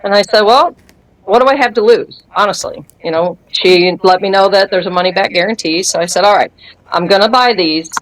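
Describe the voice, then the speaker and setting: A woman in her fifties, speaking at medium pitch and a fairly quick pace, shares her testimony as a guest in a casual interview. She is an animated storyteller who acts out what people said and laughs often. The recording quality is low.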